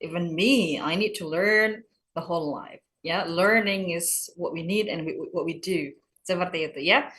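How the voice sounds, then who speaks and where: A woman's voice: on the low side, measured pace, a little hiss or hum. Woman, Indonesian accent, young adult, English teacher, chatty lecture, mixes languages. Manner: switches between Indonesian and English, lively and chatty. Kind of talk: classroom lecture.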